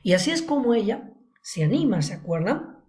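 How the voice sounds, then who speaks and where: A woman's voice: mid-range voice, big pitch swings, brisk, dark tone. A woman teaching an online literature class. She retells a story to her students and keeps checking in with them. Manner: checks in with students, frequent "¿no?" and "¿se acuerdan?" tags.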